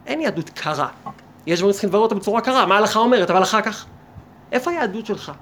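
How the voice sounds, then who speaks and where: A man, a rabbi, giving a lively Torah lesson, firing rhetorical questions at his listeners and acting out imagined conversations. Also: high-pitched. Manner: animated, asks many rhetorical questions and acts out imagined dialogues. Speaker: rabbi teaching a class.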